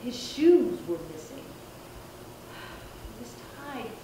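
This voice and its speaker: An actress playing a female police officer, recounting a scene in a steady, careful way. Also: a little high, slow pace. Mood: grave. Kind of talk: theatre monologue. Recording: echoey stage, faint hiss.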